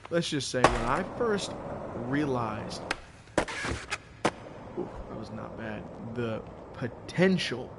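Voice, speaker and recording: Slow-talking man chewing gum, noisy stream. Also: medium pitch, creaky. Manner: rambling, halting, thinking aloud. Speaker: live streamer of a skateboarding game. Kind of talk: casual live gaming commentary. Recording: loud background noise with clicking.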